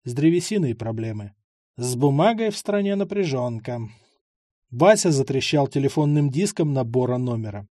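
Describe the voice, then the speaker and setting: A man's voice: medium pitch, lively intonation, normal speed, mellow, dry recording, clean studio sound. Wry male audiobook narrator. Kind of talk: first-person fiction narration.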